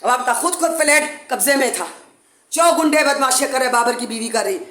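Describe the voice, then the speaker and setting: Woman, high voice, urgent accusing appeal, echoey room at home. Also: expressive, fairly quick, a bit bright. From Pakistan. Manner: urgent, accusing, repetitive pleading. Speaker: mother making a public appeal. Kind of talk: impassioned complaint to camera. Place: her home, indoors.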